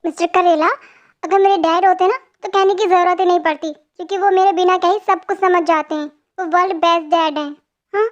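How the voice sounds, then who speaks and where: A woman's voice: very high voice, steady tone, brisk, highs cut off. A young woman playing a spoiled, sulky young bride. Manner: sulky, bickering.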